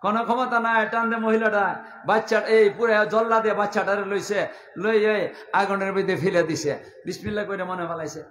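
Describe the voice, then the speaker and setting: A man's voice: high-pitched, steady tone, normal speed, a bit bright, reverberant, a little hiss or hum. A man preaching a story-filled sermon with a Habiganj Bengali accent, in a passionate, chanting cadence full of repetition. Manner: impassioned, chanting cadence with repeated phrases.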